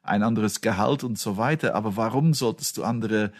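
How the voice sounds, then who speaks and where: A man's voice: lowish voice, brisk, dry recording, clean studio sound. A man from Belgium, a non-native German speaker, answering interview questions as a company chief in earnest, slightly broken German. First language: not German.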